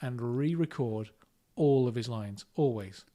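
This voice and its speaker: A man chatting on a home podcast, recorded in his kitchen on a semi-professional mic. He rambles with enthusiasm, circling back with "like" and "you know" as he talks. His voice sits at an ordinary middle pitch. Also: animated, measured pace, dark tone. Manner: enthusiastic, rambling, lots of fillers. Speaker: podcast co-host. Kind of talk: casual chat.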